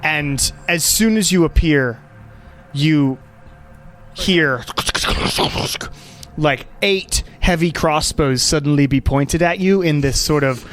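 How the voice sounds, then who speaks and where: Halting man narrating as game master. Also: fairly high pitch, fairly bright tone, slight background noise. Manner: halting, searching for words as he describes scenes. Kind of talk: improvised tabletop game narration and casual chat.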